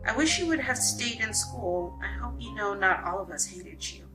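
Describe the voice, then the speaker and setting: A woman reading aloud voices a gentle young female fairy who speaks kindly and reassuringly. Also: fairly high pitch, animated, normal speed, over music, lightly acted.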